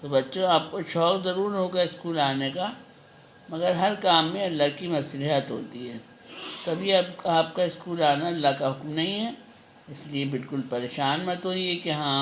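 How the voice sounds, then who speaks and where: A woman teaching an online phonics lesson to kindergarten children, drilling syllables slowly and patiently. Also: on the low side, a little hiss or hum. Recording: echoey room.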